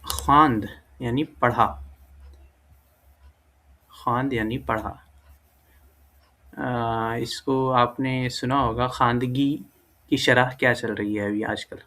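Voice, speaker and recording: A language teacher gives a casual lesson recorded on screen, thinking aloud, correcting himself as he goes, and using many fillers. His voice is mid-range with a fairly bright tone.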